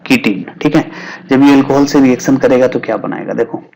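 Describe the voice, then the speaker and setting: A man's voice: medium pitch, steady tone, brisk, creaky, darkish tone. Male chemistry teacher, mix. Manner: repeats key terms, asks and answers his own questions. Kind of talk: explaining at a whiteboard.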